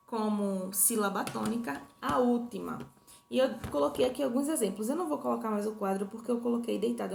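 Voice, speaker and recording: Woman, young primary teacher, patient and repetitive, higher voice, echoey room. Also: vocal fry. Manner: patient, repetitive, checking in with tag questions. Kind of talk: recorded review lesson for children. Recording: echoey room, faint hum.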